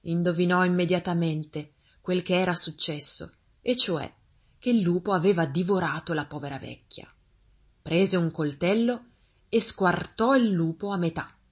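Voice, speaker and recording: A woman reading a fairy tale aloud as a storyteller, expressive and gently paced. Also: on the low side, normal speed, breathy edge.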